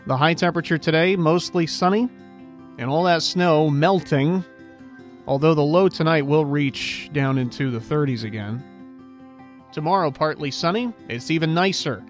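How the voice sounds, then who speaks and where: A man hosting a local radio call-in show, talking in a smooth, easygoing radio host manner into a studio microphone. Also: on the high side, moderate pace, faint music behind.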